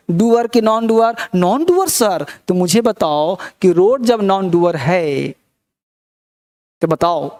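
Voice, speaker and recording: A man's voice: high-pitched, a little mellow. A man teaching English grammar in a live online class, reassuring his students, repeating his points and quizzing them.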